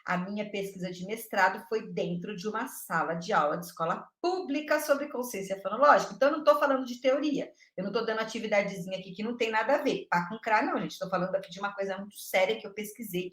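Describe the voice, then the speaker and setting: A woman educator giving an animated live online class, speaking emphatically and checking in often with her viewers. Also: medium pitch, quick pace, few pauses, roomy sound. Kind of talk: lively live-stream teaching talk.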